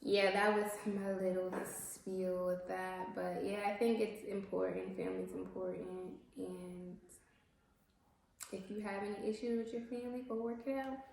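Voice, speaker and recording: A woman's voice: medium pitch, steady tone, moderate pace, creaky, darkish tone, slight background noise. A young woman hosting a casual chat over a meal, talking in a rambling, chatty way full of fillers. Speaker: channel host. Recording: echoey room with faint background ambience.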